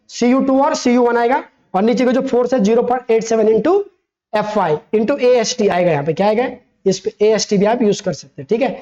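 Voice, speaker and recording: A man's voice: very high voice, warm tone, muffled recording. A man tutoring engineering students for an exam, asking rhetorical questions and repeating key terms as he works through problems, correcting himself casually as he goes. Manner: self-correcting, conversational teaching. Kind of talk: exam-prep lecture over a worked problem.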